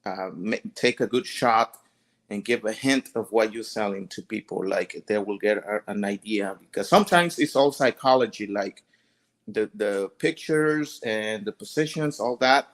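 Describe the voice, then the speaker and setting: A small business owner from Mexico with a Mexican Spanish accent shares business tips in a casual tutorial chat, sounding easygoing and somewhat hesitant. His voice is fairly low and his pace normal.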